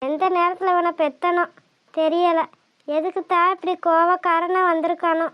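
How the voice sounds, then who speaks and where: A woman's voice: very high-pitched, little pitch movement, normal speed, no echo, dull audio. A woman voicing a fretful village mother in a cartoon who scolds her son and soothes her niece. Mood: tender. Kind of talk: cartoon voice acting.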